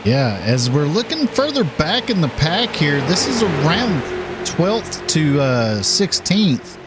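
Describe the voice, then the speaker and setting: Animated male race play-by-play caller. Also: a little high, background noise. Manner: lively, animated calling with filler pauses. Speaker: play-by-play commentator. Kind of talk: live race commentary.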